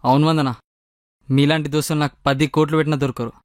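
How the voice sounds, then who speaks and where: A man's voice: on the high side, little pitch movement, fast talker, no room sound, soft background music. A young man with a Telangana Telugu accent, playing a friend in a comedy sketch, with a wry, self-deprecating manner.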